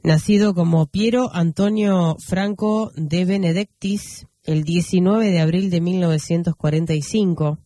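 Radio guy reading the news, kinda high voice but mellow, slow with lots of "eh", dry studio sound. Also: fairly even intonation, dry recording. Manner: unhurried, with fillers and self-corrections. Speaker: radio host.

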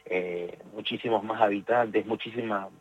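A man's voice: fairly low pitch, steady tone, moderate pace, husky, dull audio. A young man with an Argentine accent, answering interview questions about his sport, hesitant with many fillers and restarts. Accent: Argentine Spanish. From Tierra del Fuego, Argentina. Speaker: jiu-jitsu competitor.

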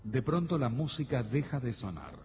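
Un hombre que narra una historia de forma dramática, como narrador de un guion. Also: male voice, mid-range voice, very animated, normal speed, a little mellow, a little hiss or hum. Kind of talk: dramatic scripted narration. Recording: echoey, long reverb, muffled lo-fi.

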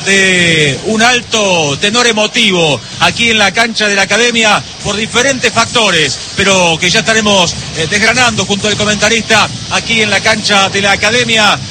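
A man's voice: high-pitched, moderate pace, background noise. A man with an Argentine accent opening a live football radio broadcast from a stadium press booth, in a rolling, ornate announcer style. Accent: Argentine Spanish. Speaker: play-by-play radio narrator.

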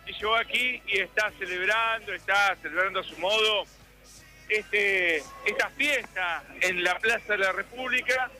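A man reporting live for radio from a crowded city square, asking passers-by quick questions. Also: high-pitched, sharp tone, soft background music, rough recording. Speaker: street reporter.

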